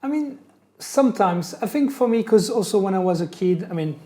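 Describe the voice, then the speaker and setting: A man's voice: high voice, animated, a little fast, warm tone. A man in his forties from France, with a French accent, earnestly answering interview questions in English. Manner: earnest, restarts with "I mean" and "to be honest". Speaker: podcast guest. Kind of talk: conversational interview.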